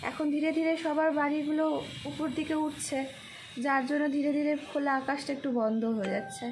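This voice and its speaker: Young woman vlogger, high and soft-spoken, casual daily chat, faint background noise. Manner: soft-spoken, chatty, talks to her child in a sing-song voice. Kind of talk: casual daily-life vlog narration.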